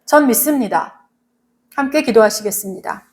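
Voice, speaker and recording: High-voiced woman pastor preaching earnestly. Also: expressive, moderate pace, a little mellow. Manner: earnest, repeats and urges the congregation directly; asks the congregation for responses. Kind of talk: sermon; leads closing prayer.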